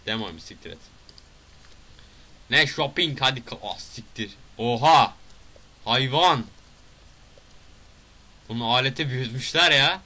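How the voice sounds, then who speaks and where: Bright, excitable young man gaming. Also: medium pitch, unhurried, pauses often. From Turkey. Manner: excitable, swearing, loud outbursts and mutters. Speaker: gameplay commentator. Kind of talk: casual gameplay commentary.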